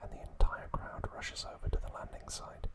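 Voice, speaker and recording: This is a man's ASMR recap, whispered in a hushed voice at an unhurried pace with purposeful pauses.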